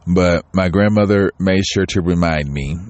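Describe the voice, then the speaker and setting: A man's voice: sits low, moderate pace, a little mellow, no echo, muffled recording. A man talking candidly in a home vlog, rambling with many restarts and growing tearful. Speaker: channel host. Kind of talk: casual personal vlog talk.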